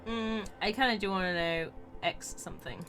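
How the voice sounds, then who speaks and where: A woman's voice: mid-range voice, moderate pace. A woman streamer giving playful, casual commentary as she plays a video game. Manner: playful, swings from muttering to loud exclamations. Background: music.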